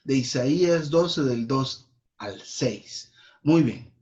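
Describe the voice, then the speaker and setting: A man with a Guatemalan accent leading a church Bible study, reading verses and explaining them slowly, repeating key words for emphasis. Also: medium pitch, a little mellow. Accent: Guatemalan Spanish. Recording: dull lo-fi recording.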